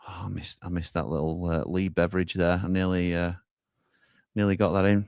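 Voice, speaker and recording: A man hosts a live football watchalong in a low voice. He reads out viewer comments and hands over to reporters at the grounds. The sound is close and dry. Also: little pitch movement, a little fast, vocal fry, a little mellow, smooth, dry recording. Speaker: watchalong host.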